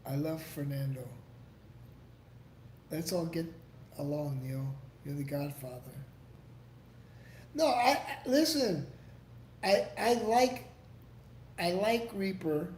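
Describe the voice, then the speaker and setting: A livestream host with a slightly high voice reads out and answers viewer comments in a rambling, profane style, frequently starting over. He speaks slowly with long pauses, in an echoey space carrying faint background noise.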